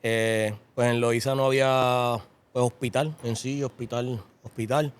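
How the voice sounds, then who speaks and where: A middle-aged man from Puerto Rico with a Puerto Rican Spanish accent, a guest in a casual interview, relaxed and often repeating his phrases. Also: mid-range voice, a little slow, clean tone. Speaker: interview guest, horse breeder.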